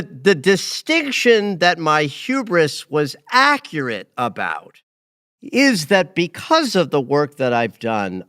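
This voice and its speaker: This is a casual, chatty astrology podcast led by a man in his late fifties, whose delivery swings between emphatic peaks and soft asides. The sound is clean in tone, dry, and studio quality.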